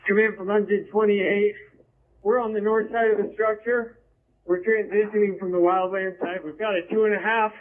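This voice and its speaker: High male firefighter voice on tinny radio. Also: little pitch movement, moderate pace. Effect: two-way radio. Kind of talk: urgent firefighter radio report. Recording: tinny, narrow-band radio scanner feed.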